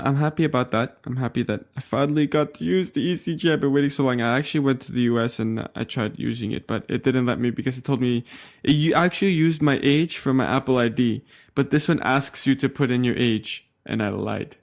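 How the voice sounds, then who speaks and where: Young man from Canada, podcast co-host, easygoing, casual chat, average pitch. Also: fairly quick, few pauses. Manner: relaxed, easygoing, laughs along. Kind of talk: casual tech podcast banter.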